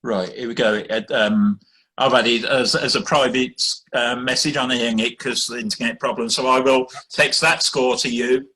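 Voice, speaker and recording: A man co-hosts a live online event in a casual way. His voice is bright and forceful, with a middling pitch. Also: steady tone, normal speed, rough recording. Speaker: co-host running scores and call. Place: online video call.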